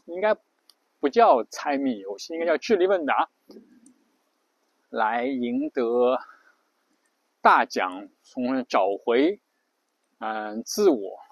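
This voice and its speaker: A man's voice: medium pitch, sing-song, takes it slowly, pauses often, no echo, low-quality recording. A man hosting an audio show who explains vocabulary in a casual monologue, chatty and thinking aloud with frequent fillers. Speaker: podcast host.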